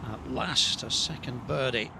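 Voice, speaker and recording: Creaky-voiced male golf commentator. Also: mid-range voice, measured pace. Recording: clear outdoor background noise.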